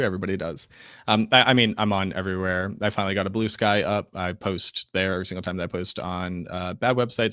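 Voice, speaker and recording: Low-voiced chatty man, dry sound. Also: fairly bright tone, dry recording. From Boston's North Shore, USA. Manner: chatty, self-deprecating joking. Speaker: podcast guest, streamer. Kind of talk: casual podcast chat.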